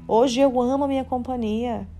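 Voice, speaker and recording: A woman's voice: on the high side, steady tone, moderate pace, dark tone, soft background music. A Brazilian woman in her late twenties hosting a podcast, speaking in a candid, confessional and faith-centered way, with casual slang. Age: late 20s. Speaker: podcast host. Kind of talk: candid personal monologue.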